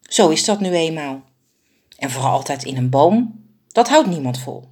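A woman reading aloud a children's story she wrote, expressive and lively. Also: sits low, measured pace, husky. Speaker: author and narrator.

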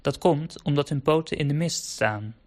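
Patient mother dog, reassuring, steady, storybook voice, by a man. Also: a little high, normal speed, lightly acted. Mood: calm.

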